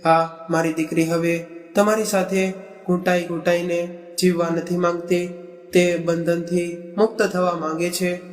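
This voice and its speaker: A man reading a worried mother, high and level. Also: flat delivery, measured pace, roomy sound, long reverb tail, soft background music. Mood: firm. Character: worried mother of a grown daughter.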